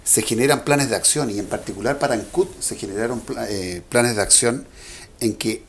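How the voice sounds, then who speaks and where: A man's voice: medium pitch, moderate pace, a little hiss or hum. A man, an electricity regulator official, explaining technical matters in an interview with fillers and self-corrections.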